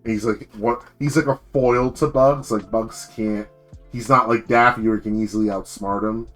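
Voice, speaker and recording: A young male streamer in loose, excitable conversation, his stories tumbling out with restarts and laughter. He swears casually as he goes. Quiet music runs in the background. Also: fairly low pitch, moderate pace. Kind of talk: casual chat on a livestream.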